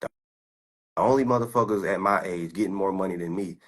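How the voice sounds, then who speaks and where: Husky, profane young man boasting. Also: low voice, fairly quick, a bit bright. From United States. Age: 20s. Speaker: stock trader. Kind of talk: casual rant while screen-sharing.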